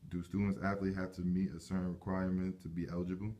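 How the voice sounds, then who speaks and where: A man's voice: deep voice, level tone, quick pace, dark tone. A man reading out prepared questions as an interviewer.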